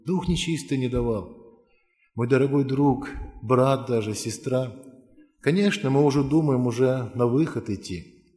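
A man's voice: medium pitch, measured pace, darkish tone. A male preacher telling a conversion story in earnest, pleading tones and calling listeners forward to pray. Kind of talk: sermon with altar call. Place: church hall. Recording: long hall reverb.

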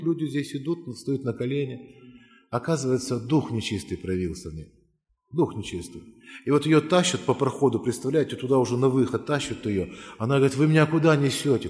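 A man's voice: medium pitch, a little mellow. A male preacher telling a conversion story in earnest, pleading tones and calling listeners forward to pray. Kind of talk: sermon with altar call. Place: church hall. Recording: long hall reverb.

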